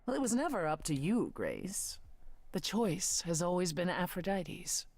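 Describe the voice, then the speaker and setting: A woman's voice: on the low side, very animated, unhurried, darkish tone, dry recording, exaggerated voice. A woman voicing a worldly ancient goddess, speaking game dialogue in a dry, sardonic and reassuring way.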